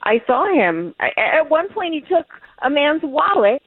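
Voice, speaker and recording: A woman speaking over a phone line into a radio show, incredulous and quick to interject. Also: sits high, sing-song, no echo. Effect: heard over a phone line.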